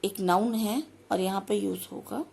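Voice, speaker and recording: A woman teaching grammar, explaining step by step and slowing down carefully whenever she reads phrases. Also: mid-range voice, steady tone, creaky, a little mellow, slight background noise. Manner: explains step by step, slows down sharply for English phrases. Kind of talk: classroom-style lesson.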